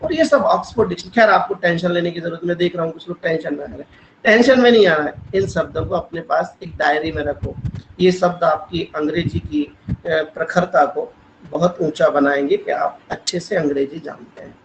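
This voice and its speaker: A man's voice: on the high side, a little fast, reverberant, dull audio, a little hiss or hum. A man from India teaching an online English class. He spells words out letter by letter and checks in often with his students. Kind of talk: online English grammar lesson. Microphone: online class call.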